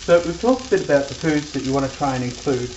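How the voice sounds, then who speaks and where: Woman cooking vlogger, low voice, chatty and homely; echoey home kitchen, loud frying behind. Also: fast talker, highs cut off, slight background noise. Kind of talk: casual cooking demonstration. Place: home kitchen with sizzling pan.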